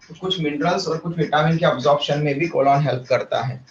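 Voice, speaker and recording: A man's voice: fairly high pitch, steady tone, brisk, slight background noise. A man teaching a biology class in a classroom, explaining step by step, asking his students questions and mixing English terms into his Hindi. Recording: echoey room, distant mic, muffled.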